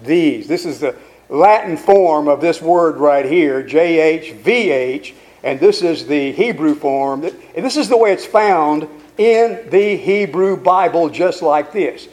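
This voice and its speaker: A man preaching a sermon, slow and emphatic, building repeated refrains and putting questions to his listeners. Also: a little high, lively intonation, darkish tone. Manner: asks the audience questions.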